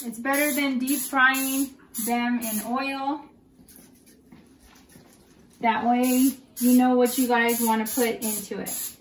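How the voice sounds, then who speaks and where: A middle-aged woman with a fairly high voice walks her viewers through a home recipe. She talks in a chatty, homey way, explaining each step as she goes. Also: fairly bright tone. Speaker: cooking channel host. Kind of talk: home cooking demonstration.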